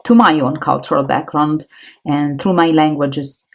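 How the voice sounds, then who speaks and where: A woman's voice: low voice, steady tone, measured pace, creaky, poor audio. A woman from Italy with an Italian accent, an art teacher chatting encouragingly while she draws with oil pastels. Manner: chatty, encouraging, thinks aloud while drawing. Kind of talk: casual art tutorial.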